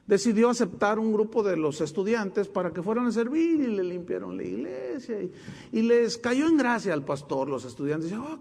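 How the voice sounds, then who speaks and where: A pastor preaches to a congregation in a high, ringing voice. He acts out the people in his stories with bursts of drama. The sound carries a long echo from a large hall. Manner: animated preaching with dramatic retelling of quotes. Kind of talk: sermon.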